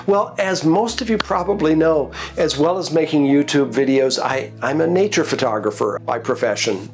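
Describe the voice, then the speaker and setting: Stuffed up with a cold, a man recounts in an easygoing, thoughtful manner the stories behind his photographs. He is a nature photographer hosting his own channel, and this is a casual narrated photo recap. His voice is mid-range.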